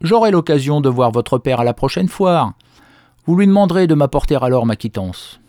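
Man doing excitable pleading farmer, higher and louder than his own voice, dry. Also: moderate pace, dry recording, lightly acted. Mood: earnest. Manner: exclaiming, pleading. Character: desperate excitable male peasant farmer.

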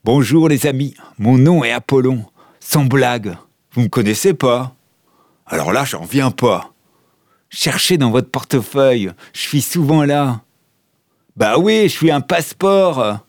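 A man's voice: medium pitch, expressive, measured pace, dry recording, clean studio sound, lightly acted. A man voicing a talkative male passport in a comic monologue, who complains about his travels and often tacks "hein" onto his sentences. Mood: chatty. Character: chatty male passport, cold-shy, grumbling about travel.

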